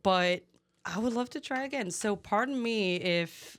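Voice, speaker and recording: Speaking unhurriedly in a mid-range voice, a head brewer in her thirties from Brazil, whose first language is Portuguese, chats casually as a podcast guest. She is candid and laughs frequently.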